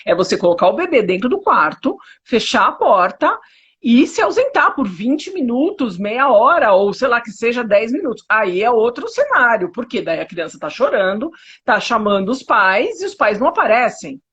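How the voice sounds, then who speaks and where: Brazilian woman psychotherapist, husky and high-ish voice, emphatic and indignant, lo-fi audio. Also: big pitch swings, moderate pace, a bit bright. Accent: Brazilian Portuguese. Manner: emphatic, indignant, rhetorical questions. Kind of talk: conversational interview. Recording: dull lo-fi audio.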